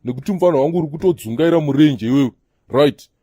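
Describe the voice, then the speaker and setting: In a comedy cartoon, a man voices a preachy older Zimbabwean prophet who lectures and chides the younger men like an elder, speaking Shona mixed with English. His fairly high voice is dark and husky, and very fast, recorded with studio quality and no room sound.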